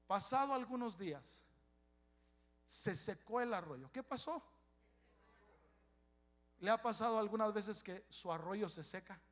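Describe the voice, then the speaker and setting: Male pastor, high voice, sermon delivery with loud call-and-response bursts. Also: lively intonation, measured pace, long pauses. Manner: preaching with sudden loud calls for the church to repeat after him.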